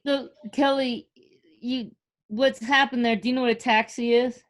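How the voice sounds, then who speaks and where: A woman's voice: a little high, steady tone, moderate pace. A woman in a ski patrol class patiently explaining a term to a classmate in a casual way.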